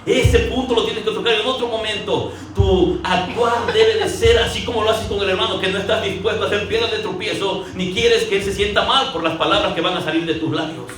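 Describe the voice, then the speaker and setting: Male preacher, storytelling sermon, high voice, far from the mic, echoey hall. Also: a little fast, hardly any pauses, a bit bright. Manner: conversational, acts out quotes in a storytelling way. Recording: echoey hall from far off, faint ambient noise.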